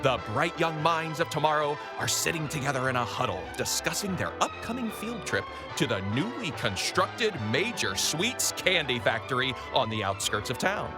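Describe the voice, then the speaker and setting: A man's voice: a little high, very animated, moderate pace, hardly any pauses, loud music behind the voice. A man voicing an upbeat 1950s radio announcer with a showy delivery, in 1950s radio acting.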